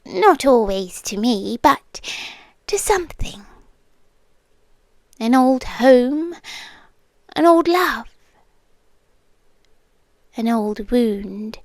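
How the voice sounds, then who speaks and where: In an ASMR roleplay, a woman with a British accent and a voice on the high side plays an ancient, possessive female monster, fully in character. Her delivery is hushed and teasing, often slipping into whispers, captured dry on a close microphone.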